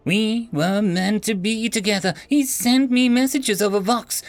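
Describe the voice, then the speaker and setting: A man voicing a young tentacled alien heiress who whines and pleads melodramatically in a high voice. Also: a little slow, no echo, faint music behind. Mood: whiny. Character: young tentacled alien hive-mind heiress, whiny and lovestruck.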